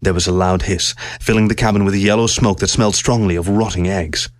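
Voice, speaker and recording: A man narrating a science-fiction story aloud with steady, measured storytelling. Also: low-pitched, no room sound.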